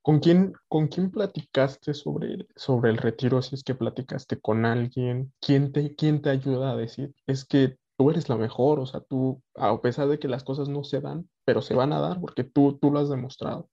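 A man's voice: medium pitch, moderate pace, vocal fry, few pauses, dark tone, dull audio. A man interviewing a guest, asking long, probing and encouraging questions. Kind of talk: podcast interview.

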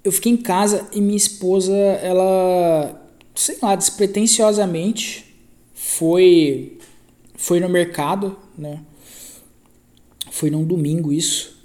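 Rambling Brazilian man, mellow voice. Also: high-pitched, fairly even intonation, slow pace. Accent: Brazilian Portuguese. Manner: rambling, self-correcting, repeats phrases, slangy. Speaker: podcast host. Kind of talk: casual podcast storytelling monologue.

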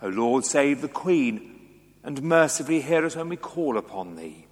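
Man reciting church liturgy, solemn n formal, mid pitch, big cathedral echo w long reverb. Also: expressive, husky. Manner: solemn, measured, formal delivery. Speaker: Anglican officiant leading prayers.

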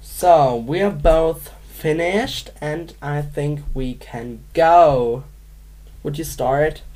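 A woman's voice: deep voice, drawn-out words, warm tone. A woman from Manchester co-hosting a podcast, giggly and playful while chatting through a word game. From Manchester, England. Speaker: podcast co-host. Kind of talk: casual game chat.

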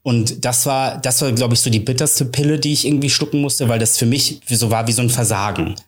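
A man's voice: medium pitch, fairly quick. A man with a German accent, a podcast guest who talks about his work in a candid, reflective way and drops English phrases into his speech. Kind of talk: candid conversational interview.

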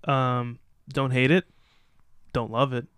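Opinionated man, very smooth and clear. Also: mid-range voice, flat delivery, takes it slowly, a bit bright, no room sound, studio quality. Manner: opinionated, loose, reads out picks then riffs. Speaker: podcast co-host. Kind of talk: casual sports draft chat.

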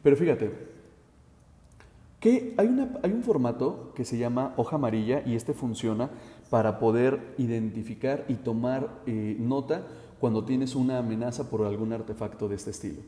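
Man instructing, warm voice, echoey room. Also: medium pitch, moderate pace. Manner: direct and instructive, with frequent 'eh' fillers. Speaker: safety instructor. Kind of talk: instructional talk addressed to the listener. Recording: roomy with long reverb.

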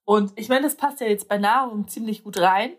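A woman's voice: mid-range voice, moderate pace. A young woman chatting casually, hesitating often with fillers and restarts. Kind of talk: casual chat.

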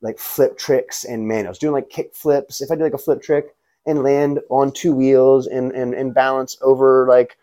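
This guest, a skateboarder who also instructs martial arts, has a dark, mid-range voice with a flat delivery at normal speed. He shoots the breeze and tells stories in relaxed frat-bro talk, dropping "man," "bro," and "you know" constantly.

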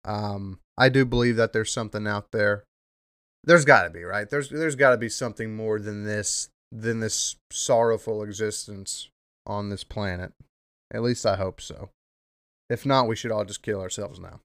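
A man's voice: on the low side, moderate pace, a bit bright, no echo, clean studio sound. A young man hosting a podcast, talking casually in a rambling, profane way with lots of "um" fillers. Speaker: podcast host. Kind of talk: casual monologue.

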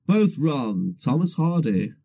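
Stuffy-nosed English quiz host. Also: male voice, mid-range voice, very animated, mellow. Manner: giggly and playful, drawn-out question reading. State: stuffy, blocked nose. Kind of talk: casual podcast chat, reading quiz questions.

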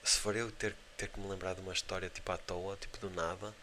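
Podcast host, young man, European Portuguese accent, low voice, loose and profane storytelling with lots of fillers. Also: flat delivery, fast talker, bright, forceful tone, a little hiss or hum. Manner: rambling, slangy and profane, with constant filler words. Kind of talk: casual storytelling monologue.

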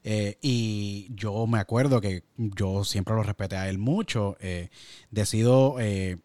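Calm low-voiced male interviewer. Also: slow pace, dry recording. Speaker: interviewer, radio host. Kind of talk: interview conversation.

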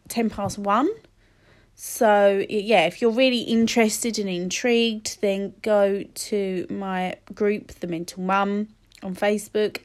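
A woman, chatting casually and rambling with many fillers while sniffly from a cold. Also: mid-range voice. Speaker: podcast host. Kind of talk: casual solo chat.

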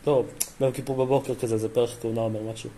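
A young man co-hosting a casual podcast chat, teasing and quick to contradict the others. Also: medium pitch, little pitch movement, dark tone, poor audio. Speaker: podcast co-host. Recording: faint background noise.

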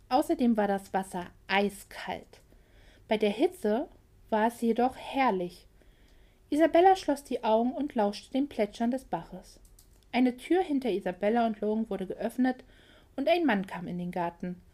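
A woman narrating a romance novel as an audiobook in a calm, even storytelling manner. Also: a little high.

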